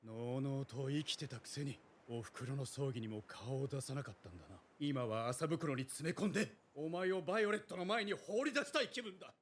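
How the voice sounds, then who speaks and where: A man's voice: medium pitch, rapid-fire, few pauses, lightly acted. A man playing a stern, blunt and protective older brother in an anime film. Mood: bitter, angry. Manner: blunt, reproachful. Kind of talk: Japanese anime film acting.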